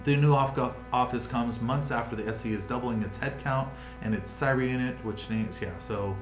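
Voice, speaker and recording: A man's voice: mid-range voice, steady tone, normal speed. Guy rambling through crypto headlines, kinda echoey room, music playing under it. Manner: rambling, reads headlines then riffs. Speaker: livestream host. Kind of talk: casual crypto news chat.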